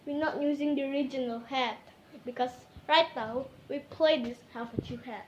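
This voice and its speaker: A woman's voice: high-pitched, steady tone, normal speed, reverberant, highs cut off, slight background noise. A woman chatting playfully to her viewers in a silly vlog, giggling and talking to herself as she goes. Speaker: vlogger.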